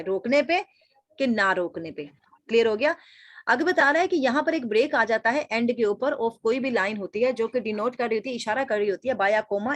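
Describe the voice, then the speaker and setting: A woman's voice: a little high, no echo. A woman teaching literature, explaining terms in a lecture, mixing in English words and asking questions she answers herself. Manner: mixes English terms into explanations, asks the class questions then answers them.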